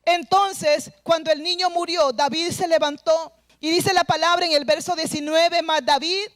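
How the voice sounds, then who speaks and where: A woman's voice: very high-pitched, fairly even intonation, normal speed, no echo. A woman pastor delivering an earnest sermon, retelling a scripture story and urging the congregation to return to God. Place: church service.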